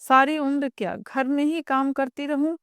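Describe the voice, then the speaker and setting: A woman's voice: high-pitched, steady tone, moderate pace, fairly bright tone, dry recording, clean studio sound. A woman voicing a lazy, scheming young sister-in-law who talks in a mocking, shameless way. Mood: taunting.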